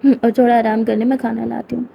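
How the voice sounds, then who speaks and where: A woman's voice: a little high, flat delivery, fast, creaky, lo-fi sound, slight background noise. A woman voicing a caring middle-aged mother who chides her grown daughter, in a spoken storybook. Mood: chiding. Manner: chiding yet caring.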